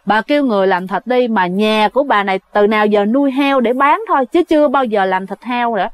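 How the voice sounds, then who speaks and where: A woman's voice: on the high side, brisk, no echo. A woman telling a ghost story in a casual, chatty way, often addressing her listeners directly. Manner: chatty, addresses listeners as "các bạn", many fillers. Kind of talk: casual spoken storytelling to viewers.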